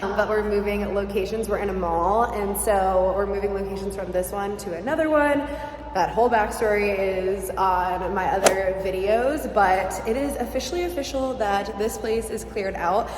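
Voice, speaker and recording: A woman chatting casually to her vlog audience in a peppy, informal way, her voice echoing around an empty indoor store. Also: medium pitch. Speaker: vlogger and boutique owner. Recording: echoey empty store with background noise.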